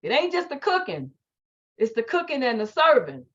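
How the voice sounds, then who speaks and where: A middle-aged woman, telling an animated, emphatic story to a group. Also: sits high, moderate pace. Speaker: speaker. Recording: dull lo-fi audio.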